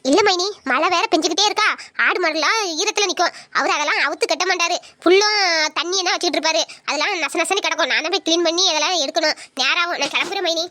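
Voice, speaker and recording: A woman's voice: very high voice, fast talker, bright, forceful tone. Woman playing a chatty, persuasive village aunt. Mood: earnest. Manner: explaining, persuasive. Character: caring village aunt, practical and talkative.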